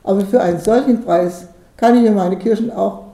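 A man's voice: sits high, moderate pace, warm tone. A woman voicing an old village man who makes dry jokes, recorded in an echoey room. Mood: wry. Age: older. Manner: joking, dry.

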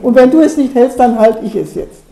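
A woman voicing a gruff, excitable village farmer who exclaims loudly, read aloud in an echoey room. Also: very high voice, brisk, exaggerated voice. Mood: blustering.

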